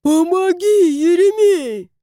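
Drawling storybook cat, lazy and smug, slow, read by a woman. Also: fairly high pitch, sing-song, mellow, no echo, studio quality. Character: lazy, smug, spoiled male house cat.

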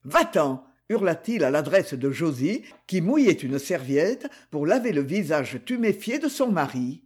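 Male audiobook narrator, high voice, husky, expressive delivery. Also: moderate pace. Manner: expressive, dramatic reading. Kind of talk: scripted narration of a novel.

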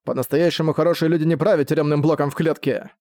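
A man as a weary, calm knight leader. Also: on the high side, dry recording, clean studio sound, close to an everyday voice. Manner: calm, measured, sighing. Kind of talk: audiobook reading.

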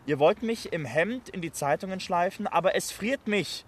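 An actor playing a weary, stubborn soldier back from war in a stage play, brooding with defiant outbursts. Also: male voice, high voice, expressive, normal speed.

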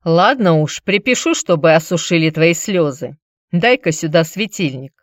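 A cold young Roman nobleman gives curt orders, as a woman reads him. The tone stays low and flat in feeling, with a dry, close sound. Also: moderate pace, no room sound. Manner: curt, commanding, indifferent.

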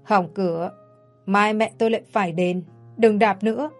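A woman's voice: medium pitch, steady tone, normal speed, soft background music, lightly acted. Woman reading a timid young country maid. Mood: frightened. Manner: polite, pleading, tearful.

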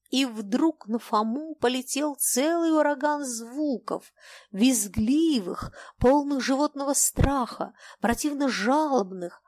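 A woman reading a classic novel aloud in an expressive, measured way. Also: on the high side, no room sound. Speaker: audiobook narrator. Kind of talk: scripted narration of a classic novel.

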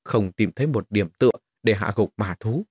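A man's voice: fairly low pitch, normal speed, darkish tone, breathy edge, no echo, clean studio sound. A man narrating a fantasy novel as an audiobook, telling the story expressively.

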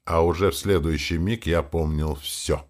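A man reading first-person narration of an audiobook with expressive storytelling. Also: very deep voice, normal speed.

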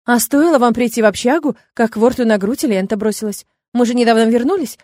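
A woman's voice: on the high side, fairly quick, a little mellow, dry recording, clean studio sound, lightly acted. A woman voicing an easygoing, chatty young male student who sounds puzzled and a little sleepy.

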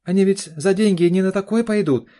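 In an audiobook, a man raises his natural voice to a high, warm, slightly quick register to play a pushy, anxious young adult daughter. She sounds incredulous, pleading insistently and repeating "dad."

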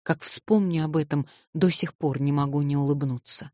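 Low-voiced woman audiobook narrator. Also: no room sound, clean studio sound. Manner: measured, expressive storytelling. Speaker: audiobook reader. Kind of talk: audiobook narration of a classic novel.

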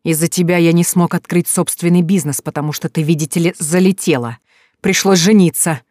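A narrator voicing a furious, abusive grown man who spits contempt and shouts, in a storybook reading. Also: sits high, moderate pace, dry recording, studio quality, close to an everyday voice. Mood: venomous rage.

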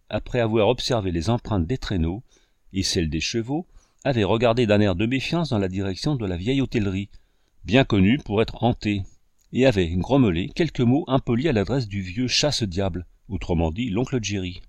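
Low-voiced male audiobook narrator. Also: moderate pace, darkish tone, dry recording. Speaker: audiobook reader. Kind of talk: scripted narration.

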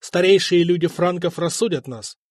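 A man's voice: high-pitched, normal speed, no room sound, clean studio sound, pitched above the performer's own voice. A man reading as a defiant young prince. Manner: proud, defiant, mocking.

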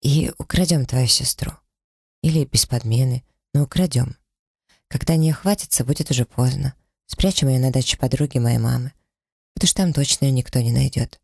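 A man's voice: mid-range voice, normal speed, vocal fry, breathy edge, no echo, studio quality. A man voicing an earnest, clever young female student in an audiobook, reasoning things out aloud. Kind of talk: audiobook character reading.

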